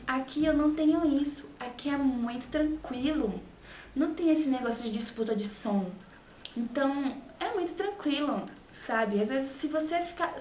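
A woman's voice: high voice, slight background noise. A young woman from Salvador with a Bahian accent, chatting casually in a home vlog and often checking in with "sabe?". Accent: Bahian Brazilian Portuguese. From Salvador, Bahia, Brazil. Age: young adult. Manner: chatty, keeps adding "sabe?" to her points. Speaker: vlogger. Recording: echoey room with faint ambience.

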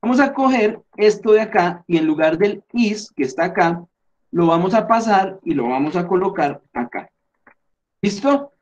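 A man's voice: sits high, expressive, normal speed. Patient male English teacher, lo-fi recording. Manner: patient, step-by-step explaining with frequent check-ins; thinks aloud and corrects himself while editing on screen. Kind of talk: online lesson explained in Spanish.

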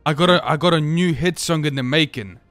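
A flustered underling musician played by a man in a crime game role-play, in a slightly high voice. He stammers, hesitates and pleads, close and dry over faint music. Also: fairly quick, a bit bright, no echo, lightly acted. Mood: pleading, bargaining. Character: flustered underling musician making excuses to his boss.

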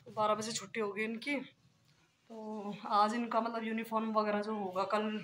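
A woman's voice: fairly high pitch, flat delivery, moderate pace, noisy background. A woman in her thirties vlogging casually about her day at home, talking on with many fillers and a cough she mentions. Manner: chatty, rambling with many fillers. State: coughing, sore throat. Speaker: vlogger and mother. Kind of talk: casual daily vlog chat.

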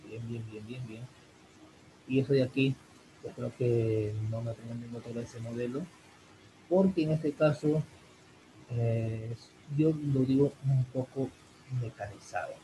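A man teaching an online English class in Spanish, answering a student's question in a rambling way with many fillers, addressing the students warmly as "chicos". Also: medium pitch, a little slow, pauses often, a little hiss or hum, poor audio. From Peru. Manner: rambling, full of fillers like "en este caso" and "chicos".

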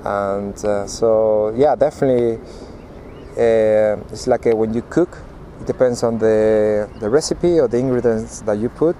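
A man with a Spanish accent talks hesitantly, with frequent "uh"s. His voice is low and very dark, almost muffled in tone. He was recorded outdoors by a brick wall. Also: unhurried, a little hiss or hum. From Canary Islands, Spain. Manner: hesitant, many "uh"s. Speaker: percussionist. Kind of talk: casual interview.

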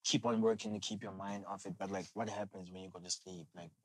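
A man in his thirties hosting a casual interview in a gentle, hesitant way. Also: low-pitched, steady tone, fast. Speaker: podcast host. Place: indoor lounge-style podcast set. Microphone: podcast microphone on a boom arm.

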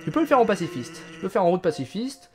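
A man's voice: high voice, very animated, fast, faint music behind. A man streaming a video game, joking casually with his chat and reading it aloud. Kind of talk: casual gameplay commentary.

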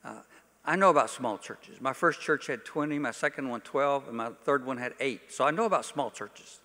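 Speaking at a moderate pace in a pushed, bright mid-range voice, an older pastor runs a workshop for a conference crowd in a large hall. His informal church teaching is laced with folksy, dry humour, and the hall's long echo rings through the recording.

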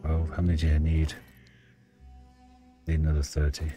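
A man doing a video game playthrough, reading text aloud and commenting in an unhurried, low-key way. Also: completely flat delivery, dark tone. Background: game music.

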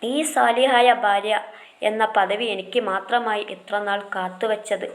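A loving young husband speaks softly, reassuring and tender, with a lilt. A woman reads him aloud in her own voice. Told as a spoken storybook. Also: medium pitch, steady tone, unhurried, reverberant, close to an everyday voice.

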